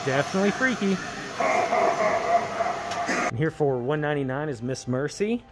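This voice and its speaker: A man's voice: fairly high pitch, lively intonation, moderate pace. A man vlogging as he walks through a large Halloween store, enthusiastically reviewing the props and their prices. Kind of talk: casual handheld walkthrough commentary. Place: large empty retail store, indoors. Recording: loud store noise around the mic. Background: loud noise from props and store.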